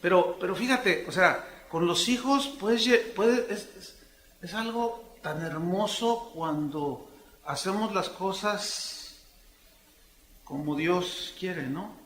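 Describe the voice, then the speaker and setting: A middle-aged Mexican pastor preaching in a high, bright voice. He tells lively stories and acts out each speaker's lines. The sound carries the echo of a church hall. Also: slow pace. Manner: animated storytelling, acting out dialogues in different voices. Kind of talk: conversational sermon.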